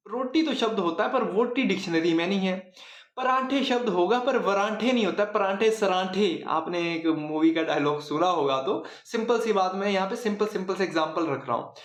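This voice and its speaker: A man's voice: high voice, echoey room. A man teaching a casual Hindi grammar lesson, chatty, repeating words for emphasis and asking and answering his own questions.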